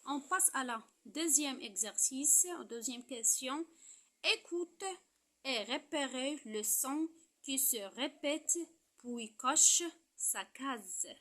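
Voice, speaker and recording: A middle-aged woman with a Moroccan accent teaching a primary-school lesson, repeating each word slowly and stressing its syllables. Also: high voice, lively intonation, pushed and bright.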